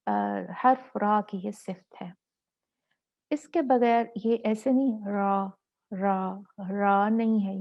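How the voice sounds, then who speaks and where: A woman's voice: fairly high pitch, gravelly, highs cut off. A woman teaching a tajweed lesson step by step, patiently asking and answering her own questions and demonstrating sounds.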